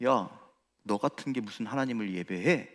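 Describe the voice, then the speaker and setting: A man's voice: lowish voice, normal speed, natural voice. A pastor voicing Satan as a sly male spirit who taunts and coaxes, in a church with long reverb. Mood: scornful. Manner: taunting, coaxing whispers.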